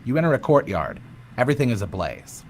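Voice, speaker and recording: A man narrating a tabletop fantasy game as dungeon master, in a measured, dramatic way. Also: mid-range voice, huge pitch swings, darkish tone, a little hiss or hum. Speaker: dungeon master in a played clip.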